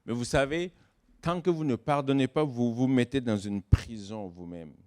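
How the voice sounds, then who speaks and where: A guest pastor preaches a sermon, his voice alternating between loud, emphatic stresses and hushed, low asides. He slows down to lean on key words.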